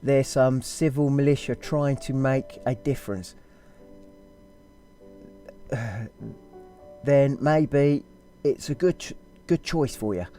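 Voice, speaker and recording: A man's voice: mid-range voice, takes it slowly, long pauses, dark tone, faint music behind, lightly acted. A man voicing a blunt, crude young woman reading a letter to her sister aloud, stumbling through it in a put-on accent.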